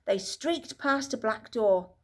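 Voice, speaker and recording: A woman narrating a children's book as an audiobook reader, telling the story in a lively way. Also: fairly high pitch, slow.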